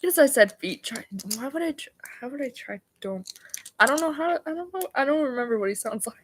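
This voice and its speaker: A woman's voice: sits high, animated, brisk, a little hiss or hum. A woman livestreaming casually, rambling and stumbling over words as she reads homework aloud. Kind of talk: casual livestream chat while doing homework.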